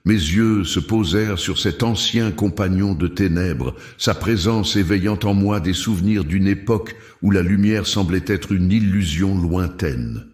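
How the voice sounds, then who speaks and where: A man narrating a dramatic first-person story in a measured, solemn way. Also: low-pitched, darkish tone. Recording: roomy echo.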